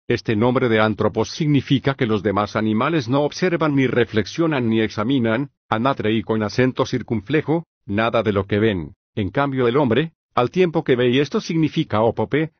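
A man, read in a flat, even way, voicing a probing, ironic male ancient philosopher in an audiobook. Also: mid-range voice, moderate pace, dry recording, lo-fi sound, natural voice. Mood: explaining.

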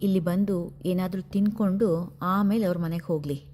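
A woman's voice: fairly low pitch, steady tone, normal speed, slight background noise, close to an everyday voice. A woman doing a tender, motherly woman. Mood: caring. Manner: gentle, soothing.

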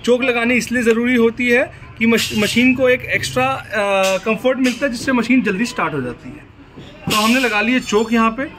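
A young man with a very high voice walks viewers through a machine demonstration step by step. He was recorded outdoors, and clear background noise sits under his speech. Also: moderate pace. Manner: explaining step by step, addressing viewers directly. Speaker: product demonstrator. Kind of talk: hands-on product demonstration.

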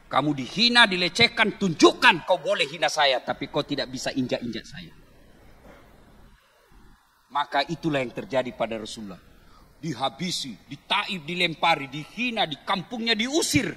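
A man preaching a lively, humorous sermon to a crowd, teasing and joking with the audience before turning earnest. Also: a little high, normal speed, husky. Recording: long hall reverb.

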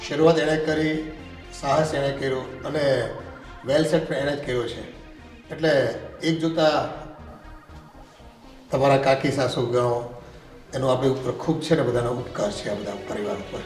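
A man's voice: medium pitch, a little slow, pauses often, soft background music, lightly acted. A man playing a patient middle-aged father. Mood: advising. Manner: calm, advising. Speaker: father-in-law in family drama. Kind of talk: Gujarati family drama acting. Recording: echoey room.

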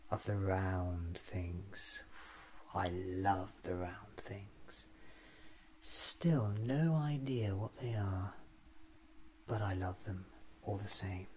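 A man in his thirties playing a whimsical, eccentric time-traveling doctor musing aloud in soft-spoken, deliberate ASMR roleplay. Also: low-pitched, a little hiss or hum. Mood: hushed, musing. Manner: deliberate, musing, often near whisper.

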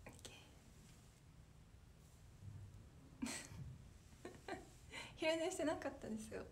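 A young woman with a high, light voice chats casually to her livestream viewers, apologizing, laughing and answering comments as they come. A faint hiss of noise sits behind her voice. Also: expressive, very slow, gravelly. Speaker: idol livestreamer. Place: small room with echo.

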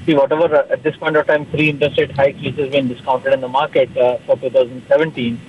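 A man's voice: medium pitch, little pitch movement, fast, a little hiss or hum. A man, a commodity analyst answering on live TV, hesitant, with many fillers and restarts. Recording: tinny phone-like line.

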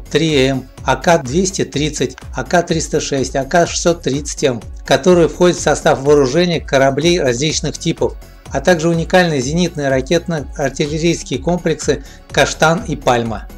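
A man narrating a scripted documentary voice-over in a steady, even read. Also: a little high, moderate pace, faint music behind.

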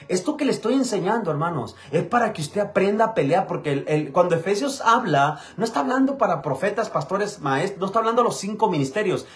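A man preaching a sermon as pastor, repeating phrases and calling for answers from his listeners. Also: sits high. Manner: preaching with repetition and call-and-response.

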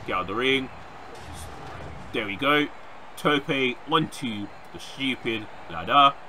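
Young guy doing let's play commentary, super bright voice, bounces all over, bit of hiss behind. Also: mid-range voice. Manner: animated, reacting loudly with frequent laughs and yelps. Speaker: gaming YouTuber.

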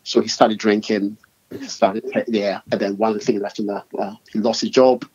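A man's voice: fairly low pitch, flat delivery, moderate pace, a little mellow, husky. Middle-aged London man, guest, meandering storyteller, slightly muffled call audio. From UK and Ghana. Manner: rambling, self-correcting storyteller. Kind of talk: casual interview chat.

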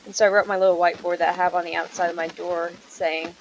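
A woman's voice: fairly low pitch, little pitch movement, fast, dull audio, noisy background. A young woman casually commenting on her gameplay, chatty and easily startled, swearing often. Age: young adult. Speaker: gaming channel host.

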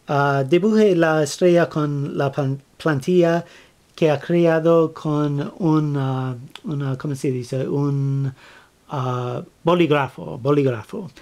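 In this halting how-to narration, a man who makes flag-craft tutorials walks through a craft step by step in Spanish, which is not his first language. His voice is a little high with a darkish tone, and he uses many fillers, restarts and pauses while searching for words.

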